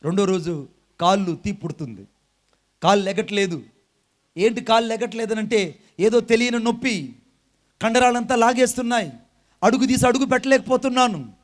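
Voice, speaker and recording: A man preaching a sermon. He tells an illustration story, switches into halting English phrases and builds to loud exhortation. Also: high-pitched. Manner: tells a story with acted dialogue, then rises to loud exhortation.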